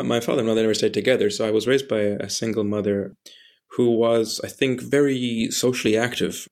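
A man in his late twenties from Ireland speaks in a low, gravelly voice. He answers interview questions carefully and articulately, now and then restarting a phrase. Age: 20s. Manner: measured, articulate, with small restarts. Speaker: interview guest.

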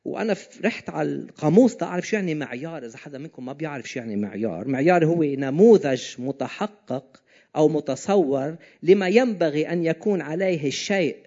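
Talking fast in a mellow, slightly high and animated voice, a man preaches an informal sermon with a Levantine, Lebanese Arabic accent. He keeps it conversational, often questioning his listeners, on a somewhat dull, lo-fi recording.

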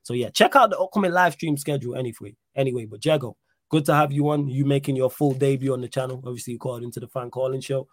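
A man's voice: medium pitch, fast talker, dry recording. Give this man a London roadman accent and plenty of street slang. He hosts a live football podcast in a casual, chatty way. The sound is dry, with very little room on it. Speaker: podcast host.

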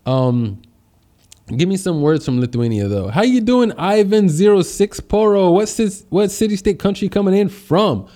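Upbeat, slangy man hosting a livestream, mellow voice. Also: a little high. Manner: upbeat, exuberant greetings and shout-outs; slangy, conversational. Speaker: podcast host and public speaker. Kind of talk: casual live stream chat with viewers.

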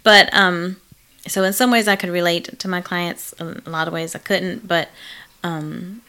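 A middle-aged woman, a therapist in private practice, talking in a casual, reflective interview with frequent pauses. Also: on the low side, steady tone, bright, forceful tone, clear, resonant tone. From Malawi. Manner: reflective, frequent ums and laughs.

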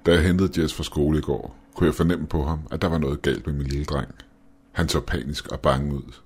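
A man with an extremely low, deep voice narrates a scripted horror story. He keeps a steady, measured storytelling pace. Faint music plays quietly beneath him. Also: breathy edge.

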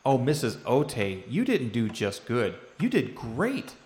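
Kenneth is an overeager, dim-witted brother, voiced by a performer, whose pitch leaps all over as he gushes. He speaks slowly. His voice is echoey, with faint noise behind it. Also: very animated, a little mellow. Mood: excited. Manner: gushing, overexcited. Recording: roomy echo with faint noise.

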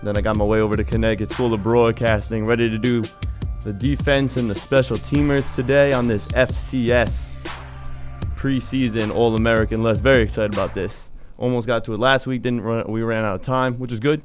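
A man co-hosting a casual sports show, laid-back and jokey, with a voice gone raspy from the morning. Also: medium pitch, steady tone, a little fast, soft background music. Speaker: podcast co-host.

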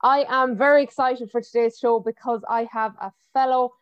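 Female podcast host, west of Ireland accent, fairly high chatty voice, dry lo-fi video-call sound. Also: steady tone, normal speed, clean tone, dry recording. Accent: Mayo, west of Ireland. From County Mayo, Ireland. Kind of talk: casual interview hosting. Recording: dry, slightly muffled video-call audio.

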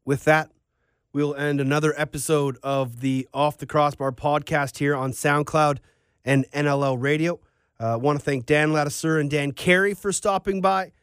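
A man's voice: fairly high pitch, fairly even intonation, moderate pace, fairly bright tone, clear, resonant tone, dry recording, studio quality. A man hosting a sports podcast, talking in a casual, rambling, conversational way.

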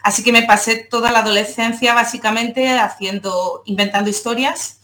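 This woman, a comic artist from Seville, Spain, chats casually as a podcast guest, telling personal stories and laughing often in a giggly way. Her voice is a little high, bright and forceful, with fairly even intonation at normal speed. There's a little hiss or hum.

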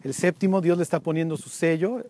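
A man with a Mexican accent teaching Bible stories outdoors at a historic site, telling them lively and acting out the voices. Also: a little high, a little fast. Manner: lively storytelling, acts out biblical voices. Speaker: tour guide preacher. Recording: loud outdoor noise.

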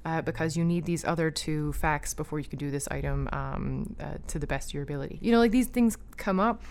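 A low, dark-toned female voice, a little fast, hosts a podcast of casual spiritual talk with guided breathing, with slight hiss or hum in the audio. She rambles excitedly, piling up fillers and restarts.

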